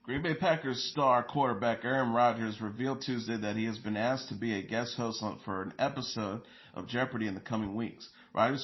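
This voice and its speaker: A man's voice: lowish voice, dull audio. A man hosting an entertainment news show, reading stories and quotes in a plain delivery with small slips and fillers.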